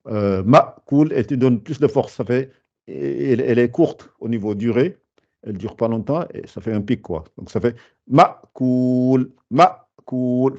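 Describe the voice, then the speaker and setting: A man's voice: lowish voice, dark tone, dull audio. A man teaching Quran recitation in an online lesson, explaining patiently step by step with many hesitations.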